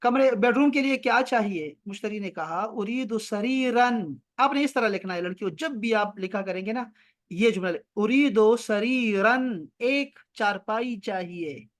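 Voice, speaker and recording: High-voiced man teaching Arabic. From Pakistan. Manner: slow drawn-out Arabic examples, brisk explanations; chiding, teasing students. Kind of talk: online class lecture. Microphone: video call.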